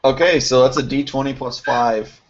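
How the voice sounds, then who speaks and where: A man acting as game master, narrating a tabletop game in a loose, halting way with frequent laughs. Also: medium pitch. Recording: dull lo-fi home recording with faint noise.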